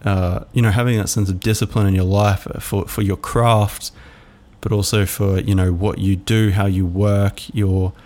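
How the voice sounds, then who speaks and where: A man hosting a reflective solo podcast, musing aloud in a halting way with many fillers. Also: on the low side, flat delivery, a little mellow. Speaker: podcast host.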